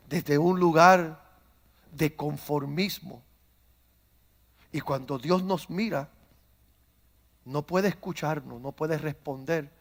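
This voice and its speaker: A man with a high, ringing voice preaches a sermon to his congregation. He tells stories and acts out the voices in them, and he moves from calm to loud, fervent preaching. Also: gravelly. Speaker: pastor. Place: church.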